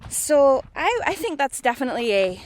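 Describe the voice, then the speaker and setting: A woman's voice: sits high, big pitch swings, normal speed. A middle-aged woman talking casually and candidly in a rambling personal vlog, often questioning herself with emphasis, recorded on a handheld phone. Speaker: vlogger. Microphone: handheld phone at arm's length.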